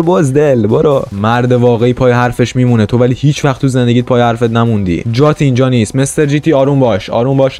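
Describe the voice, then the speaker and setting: A man's voice: mid-range voice, slight background noise. A young man streaming a Minecraft roleplay server, playing a swaggering gangster and chatting to viewers in between. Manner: swaggering tough-guy banter, swings between loud bravado and quiet asides. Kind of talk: in-character gangster roleplay with commentary.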